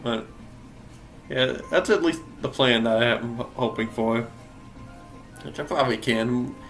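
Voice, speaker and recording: A man's voice: mid-range voice, measured pace, vocal fry, fairly bright tone, faint music behind. A young man giving casual gameplay commentary, rambling and correcting himself, often laughing. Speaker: game streamer.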